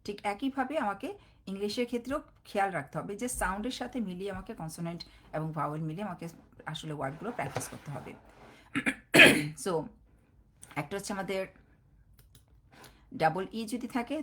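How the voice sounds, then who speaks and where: A woman, a phonics teacher giving a live online class, mixing in English words and slowly drawing out each letter sound. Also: medium pitch, pushed and bright. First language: Bengali. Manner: slow, drawn-out sounding of letters; mixes English words into explanations.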